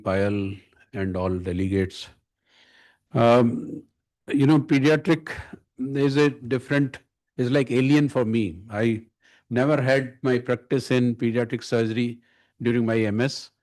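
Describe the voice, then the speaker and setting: A man with an Indian accent giving an informal conference address as a senior surgeon, halting and often repeating words. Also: mid-range voice, darkish tone. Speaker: medical director and surgeon speaking at a conference.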